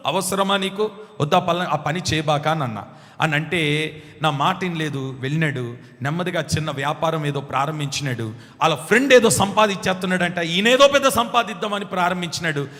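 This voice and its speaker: A man preaching a sermon as pastor, emphatic, urging the congregation to answer back louder. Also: on the high side, fairly quick. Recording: long hall reverb.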